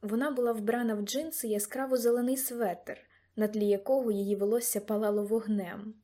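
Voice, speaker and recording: A woman narrating an audiobook in an even storytelling manner. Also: a little high, a little fast. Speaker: audiobook reader. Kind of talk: scripted narration.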